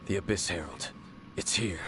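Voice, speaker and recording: A man's voice: low-pitched, moderate pace, background noise. A man playing a grave, stoic, mysterious swordsman in an anime game dub, speaking solemnly and formally. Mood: stern warning.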